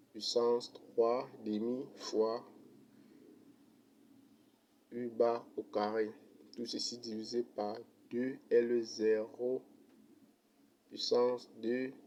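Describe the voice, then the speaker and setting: A man's voice: mid-range voice, lo-fi sound, slight background noise. A man explaining an economics derivation step by step in a methodical lesson, ending with thanks and a sign-off. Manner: slow, methodical, even delivery. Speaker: economics teacher.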